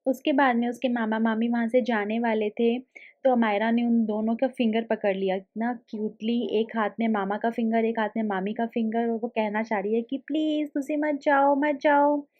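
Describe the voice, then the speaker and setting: Young mom narrating, higher voice. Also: female voice, little pitch movement, moderate pace, narrow, tinny audio. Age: young adult. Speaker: new mother and vlog host. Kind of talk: casual voice-over narration.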